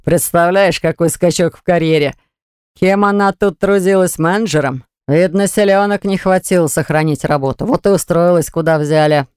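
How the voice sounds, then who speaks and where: An audiobook narrator voicing a smug, scornful man who gloats and yells when pinned down, in a smooth voice. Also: mid-range voice, fairly even intonation, normal speed, dry recording, clean studio sound, close to an everyday voice.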